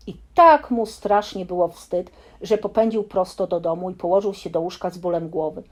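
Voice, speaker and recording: A woman reading a bedtime story aloud in a lively, expressive storytelling manner. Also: medium pitch, breathy edge.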